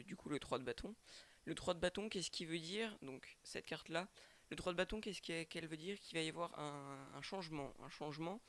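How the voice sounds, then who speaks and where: A man's voice: on the high side, creaky, fairly bright tone. A man doing a casual tarot reading to a webcam with a microphone, stumbling and repeating words often. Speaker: tarot reader and channel host.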